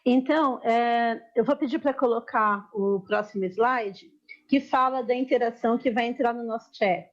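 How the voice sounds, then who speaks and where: A woman teacher talks to her remote class in a relaxed, conversational tone. Her voice sits a little high and the sound is somewhat dull and lo-fi. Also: moderate pace. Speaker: English teacher.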